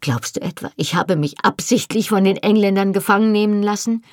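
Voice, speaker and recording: A woman reading an audiobook voices a defiant, sharp-tongued young wife, speaking with biting scorn. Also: a little fast, no echo, clean studio sound, close to an everyday voice. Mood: bitter, furious. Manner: biting, rising to shrill shouts.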